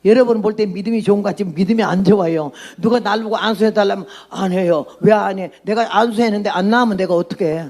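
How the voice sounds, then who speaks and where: A woman's voice: mid-range voice, fast, few pauses, a little mellow. An outspoken woman in her eighties preaching a testimony sermon as a missionary, blunt and emphatic. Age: 80s.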